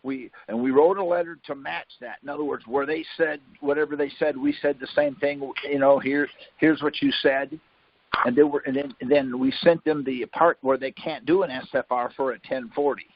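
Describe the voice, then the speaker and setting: Hosting a conference call by phone, a man speaks in a medium pitch with fairly even intonation and a moderate pace. His casual explanations ramble and self-correct, peppered with "um" and "see?", and the audio sounds muffled.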